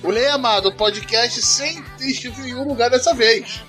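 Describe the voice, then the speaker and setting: A Brazilian man with a raspy smoker's voice hosting a podcast in casual, slangy, teasing banter with some swearing. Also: extremely high pitch, moderate pace, bright, forceful tone, faint music behind. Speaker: podcast host.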